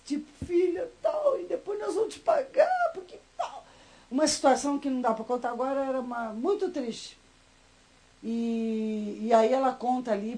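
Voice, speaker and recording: A woman's voice: on the high side, poor audio. A middle-aged woman from Brazil with a Brazilian Portuguese accent, preaching a sermon and telling stories with emotion, speaking to the congregation. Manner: emotional, animated storytelling with asides to the congregation. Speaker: missionary preacher. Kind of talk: sermon with storytelling.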